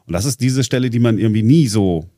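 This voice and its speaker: Low dark-voiced guy rambling through an explanation on a talk show, lots of uhs, dry close mic. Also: quick pace, no echo. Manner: chatty, explains at length with many fillers and restarts. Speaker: radio presenter. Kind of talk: casual chat.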